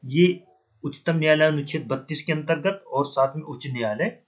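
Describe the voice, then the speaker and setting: A man's voice: on the high side, brisk. A man with a Hindi accent teaching an exam-prep lesson, writing on a board as he talks, spelling terms out letter by letter and often checking with "ठीक है ना". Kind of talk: classroom lecture, writing on a board. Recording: dull, lo-fi recording.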